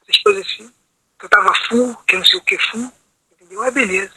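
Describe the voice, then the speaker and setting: A man's voice: high-pitched, fairly even intonation, fast talker, sharp tone, husky, rough recording. A man on a video call telling a long personal account, rambling and asking "entendeu?" after almost every phrase. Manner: rambling, repeats "entendeu?" constantly. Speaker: meeting participant.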